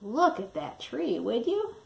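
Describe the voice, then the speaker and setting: A woman with a high voice and some vocal fry reads a picture book to children, her pitch swinging in a lively way. She adds dramatic pauses and asks the young listeners questions, against a noisy background.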